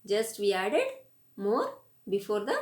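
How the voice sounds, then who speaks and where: A woman's voice: medium pitch, wildly swooping pitch, slow pace. A woman with an Indian English accent giving a grammar lesson, spelling words out letter by letter and reading word lists. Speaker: English teacher. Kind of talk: classroom grammar lecture.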